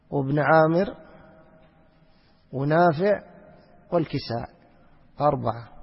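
Husky man teaching in a reverberant hall. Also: a little high. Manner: explains by asking questions and answering them himself; repeats phrases, slows down to recite verses. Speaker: teacher of Quranic exegesis. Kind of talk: religious lesson. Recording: lo-fi recording with long hall reverb.

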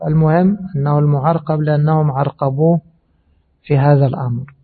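A man giving a measured religious lesson on hadith, explaining slowly and pausing with fillers. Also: fairly high pitch, fairly even intonation. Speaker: hadith teacher. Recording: tinny phone-like audio.

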